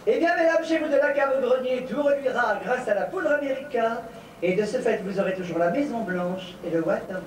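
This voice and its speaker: A man's voice: extremely high pitch, fairly quick, a little hiss or hum. Fields: Sex: man. Style: camp drag cabaret comedy. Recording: echoey, far off. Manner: camp, bawdy, theatrical. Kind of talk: stage comedy sketch. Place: cabaret stage. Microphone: stand mic, filmed from afar. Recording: echoey far-off home video of a stage.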